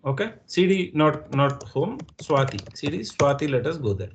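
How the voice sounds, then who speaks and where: A man's voice: a little high, very animated, normal speed, background noise. A man with an Indian English accent teaching a live online class, patiently repeating points and checking that students understand. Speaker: instructor.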